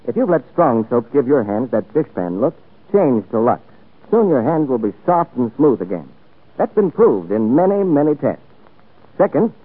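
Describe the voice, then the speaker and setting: Lively 1940s radio announcer man. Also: medium pitch, breathy edge. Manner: formal, measured announcer delivery. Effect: old radio broadcast sound. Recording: tinny old radio broadcast, faint music.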